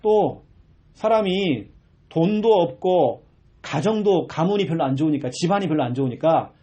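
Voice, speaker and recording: Husky, animated Korean pastor preaching. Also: male voice, a little high, moderate pace. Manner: animated preaching with acted-out shouts. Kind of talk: sermon. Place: church.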